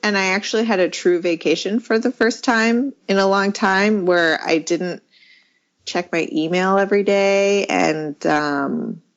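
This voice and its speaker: A woman co-hosting a podcast in casual chat, sounding sleepy and quick to laugh. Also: mid-range voice, highs cut off. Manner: laughs readily while talking. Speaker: podcast co-host.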